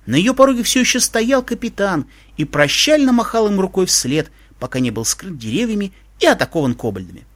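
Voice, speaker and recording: Animated male audiobook narrator. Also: sits high, a little fast, few pauses. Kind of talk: storybook narration.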